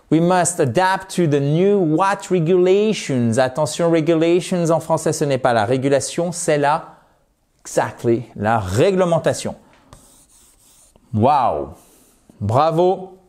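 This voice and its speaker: Slow-talking teacher. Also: male voice, a little high. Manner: lively, playful, repeats words slowly to drill them. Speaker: English teacher. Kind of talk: online English lesson.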